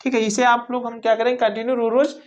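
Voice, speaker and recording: A woman giving a spoken English lesson, repeating each phrase slowly and asking the learners to say it back, and telling them not to feel shy. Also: on the high side, level tone, highs cut off. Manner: repeats each phrase slowly, asks "what will you say?". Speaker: English teacher.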